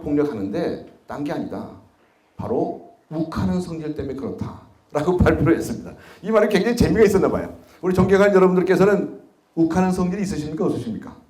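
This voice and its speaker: Middle-aged man lecturing in an echoey hall. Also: a little high. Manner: storytelling, asks the audience questions, wide swings in loudness. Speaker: speaker giving a public policy lecture. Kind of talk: lecture to a live audience.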